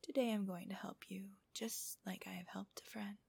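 Soft breathy whispering woman, very close. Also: mid-range voice, steady tone, no room sound. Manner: slow, intimate, teasing. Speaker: host of erotic relaxation audios. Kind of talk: whispered ASMR audio narration for adults.

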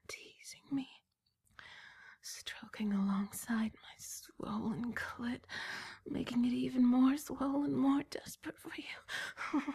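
Breathy whispering woman, high voice. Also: a little mellow. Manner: breathy whispering broken by moans. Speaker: erotic audio performer. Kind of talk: whispered erotic roleplay.

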